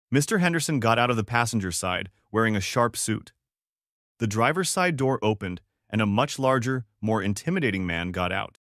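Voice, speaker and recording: Casting: male storyteller, low and steady, recorded bone-dry. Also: no echo. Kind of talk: first-person story narration.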